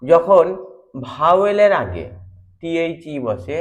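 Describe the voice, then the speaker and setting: A man with a Bengali accent teaching a lesson, speaking deliberately, repeating words and spelling letters aloud. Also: fairly high pitch, sing-song. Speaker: English teacher. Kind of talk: slow explanatory lesson.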